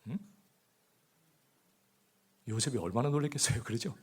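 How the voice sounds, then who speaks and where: A man preaching a sermon as pastor, often asking the congregation rhetorical questions, swinging between loud emphasis and hushed asides. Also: mid-range voice, normal speed, slightly rough. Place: church.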